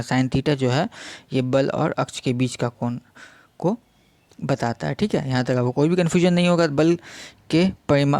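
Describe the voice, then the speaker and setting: A young man teaching a casual exam-prep physics lesson, speaking slowly and repeating himself, constantly checking in with his listeners. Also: mid-range voice, a little mellow, no room sound. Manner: slow, repetitive, checks in with "theek hai" constantly.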